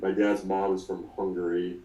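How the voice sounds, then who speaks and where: A man's voice: low-pitched, level tone, mellow, roomy sound, distant mic, poor audio. A man in his twenties talking through an interview as the guest, often restarting and filling with ums. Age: 20s. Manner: halting, many restarts and fillers. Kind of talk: casual interview.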